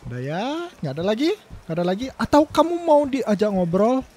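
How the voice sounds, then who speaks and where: A man's voice: high-pitched, very animated, a little fast, a little mellow. A young man from Indonesia giving joking game commentary, playful and teasing, laughing often. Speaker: gaming YouTuber.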